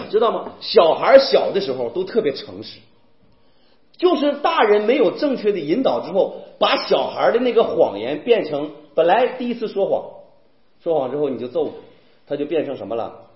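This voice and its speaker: Male preacher, high and very lively delivery, rhetorical questions, echoey muffled room. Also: normal speed. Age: young adult. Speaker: pastor. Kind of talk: sermon.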